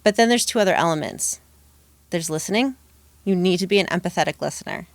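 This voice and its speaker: A woman's voice: lowish voice, expressive, fast talker, vocal fry, no echo. A woman who works as a dating coach, giving confident, emphatic advice in a casual podcast conversation.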